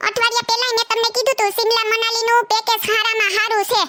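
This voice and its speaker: A woman playing a shrill, nagging young wife. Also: little pitch movement, fast, sharp tone. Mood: scolding. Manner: scolding, complaining, sarcastic.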